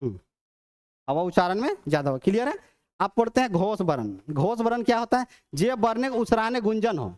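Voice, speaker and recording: A teacher leads a demo class at an even middle pitch. They repeat each point, pose a question and answer it themselves. Letters are sounded out slowly and drawn out.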